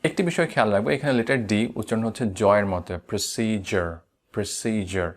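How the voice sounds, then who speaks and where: A man's voice: fairly low pitch, expressive. Bangladeshi man teaching English pronunciation. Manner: slow deliberate model words, repeats them. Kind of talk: online pronunciation lesson.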